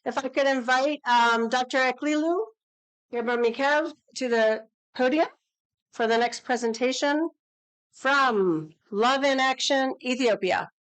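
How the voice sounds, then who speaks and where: A woman moderating a conference session, thanking speakers and introducing the next one with brisk, polite transitions. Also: high voice, fairly bright tone, poor audio. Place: large conference hall.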